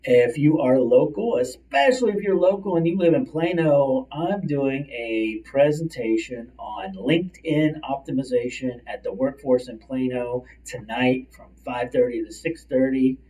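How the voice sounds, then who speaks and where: A middle-aged man, talking fast and chatty as a career coach hosting a livestream from his office. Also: medium pitch, mellow. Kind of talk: casual livestream coaching talk. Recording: distant mic, slightly far-off sound.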